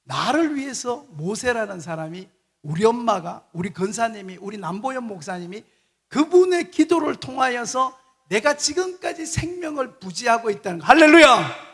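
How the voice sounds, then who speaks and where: A man's voice: very high voice, sing-song, moderate pace, slightly rough. A man preaching a passionate sermon in a church and leading the congregation to repeat phrases after him. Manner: impassioned, leads congregation in call-and-repeat. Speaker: guest preacher, missionary. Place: church sanctuary. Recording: long church reverb.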